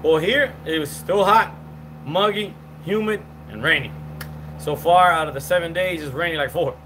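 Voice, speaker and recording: A Cuban man in his forties hosts a casual live stream from an outdoor patio with palm trees, rambling chattily through viewer comments and greeting people by name. His voice is on the high side at normal speed, full of fillers and restarts, with a noisy background.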